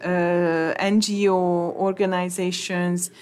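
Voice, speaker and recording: A woman interpreting conference talks into English, halting, with many hesitations and restarts. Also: on the low side, little pitch movement, darkish tone.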